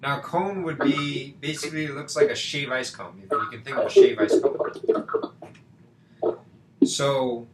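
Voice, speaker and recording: A man's voice: on the high side, measured pace, long pauses. A man tutoring a student over a video call, talking casually with lots of fillers and rhetorical questions. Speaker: math tutor. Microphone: computer mic on a video call. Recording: echoey room with faint background noise.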